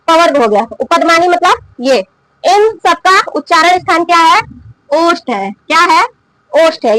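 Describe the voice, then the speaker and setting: A woman teaches a grammar lesson in a very high, bright voice. She asks the class a question, then answers it herself and repeats the answer. The recording is dry and close. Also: no echo, rough recording. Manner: coughs now and then. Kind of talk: classroom lesson explaining and drilling.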